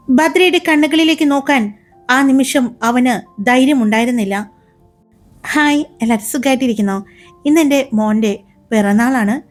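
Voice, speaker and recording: High-voiced woman telling a story. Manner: smooth, dramatic storytelling. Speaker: storyteller, channel host. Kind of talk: scripted story narration.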